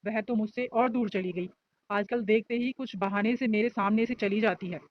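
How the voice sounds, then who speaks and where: A woman's voice: mid-range voice, normal speed, no echo, lo-fi sound, lightly acted. A woman voicing a lovestruck young student. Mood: earnest. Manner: earnest, defensive.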